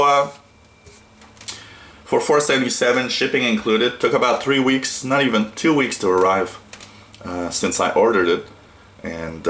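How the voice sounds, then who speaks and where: This Canadian man has a deep voice with a fairly bright tone. He's a shortwave radio enthusiast showing off a product from a radio desk in a small indoor room, and his casual, unscripted tutorial wanders hesitantly.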